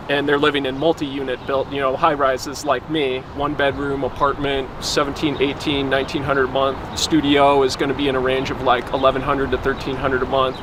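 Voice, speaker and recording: Man, local resident, casual explaining, flat even intonation, traffic noise behind. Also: mid-range voice, fairly quick, hardly any pauses. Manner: relaxed, with many fillers like "like" and "you know". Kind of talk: casual chat. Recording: outdoor street recording with traffic noise.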